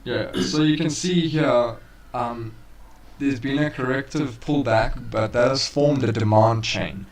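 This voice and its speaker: A man co-hosting a live trading stream casually guides listeners through chart analysis in a mid-range, unhurried voice. He's laid-back and calls listeners "bro," and the recording sounds roomy, as if he's far from the mic.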